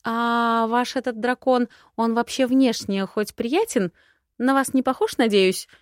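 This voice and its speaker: A woman reading an audiobook and voicing a cheeky, sharp-tongued young woman who talks in a brash, teasing way. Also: fairly high pitch, measured pace, dry recording, clean studio sound, voice pushed up, natural voice. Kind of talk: audiobook character voice.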